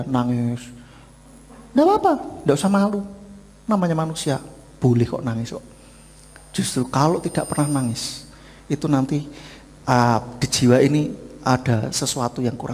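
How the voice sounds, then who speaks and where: A male pastor giving a sermon in a church, swinging between loud preaching and hushed asides. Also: medium pitch, very animated, moderate pace, long pauses. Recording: long church-hall reverb.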